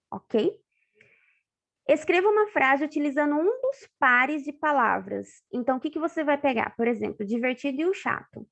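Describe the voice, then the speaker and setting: A woman teacher with a Brazilian accent, patiently walking pupils through a lesson step by step and checking in often. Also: high-pitched. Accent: Brazilian Portuguese. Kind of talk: online class walkthrough. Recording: dull lo-fi online class audio.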